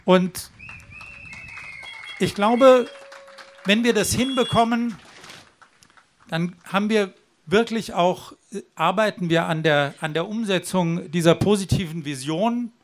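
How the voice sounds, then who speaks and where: A man's voice: high-pitched, slow pace, long pauses, a little hiss or hum. A man from southwestern Germany giving an earnest, persuasive speech at a demonstration, with the odd restart. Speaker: rally speaker. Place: outdoor rally.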